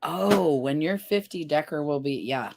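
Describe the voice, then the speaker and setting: A woman's voice: sits low, expressive, measured pace, darkish tone. A woman in her fifties hosting a casual livestream from her living room on a webcam, chatting and reading viewers' comments aloud with frequent laughs. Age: 50s. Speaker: livestream host. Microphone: webcam on a video call.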